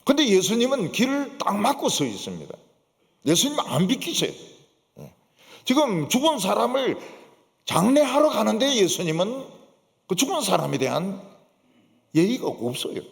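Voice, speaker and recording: A man's voice: high voice, big pitch swings, moderate pace, gravelly, long pauses. A male pastor with a Gyeongsang accent preaching in a church, emphatic and full of rhetorical questions and affirming asides. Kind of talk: sermon. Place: church sanctuary. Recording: long church reverb.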